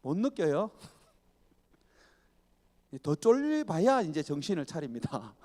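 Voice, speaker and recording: A male pastor preaches with a high, lively voice that swings widely as he fires off rhetorical questions and chuckles. His voice rings with the long reverb of a church sanctuary. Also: slow pace. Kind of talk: sermon.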